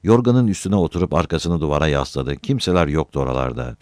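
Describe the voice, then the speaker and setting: A man narrating a novel as an audiobook, with expressive storytelling. His voice is low yet swings widely in pitch. The recording is dry and close, with no room sound. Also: quick pace, no echo.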